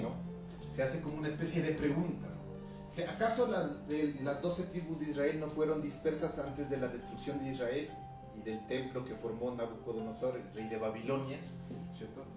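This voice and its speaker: Ecuadorian pastor preaching in an echoey room. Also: male voice, mid-range voice. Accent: Ecuadorian highland Spanish. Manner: conversational preaching, reading scripture aloud, frequent tag questions. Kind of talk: sermon. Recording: echoey room from a distance, music behind.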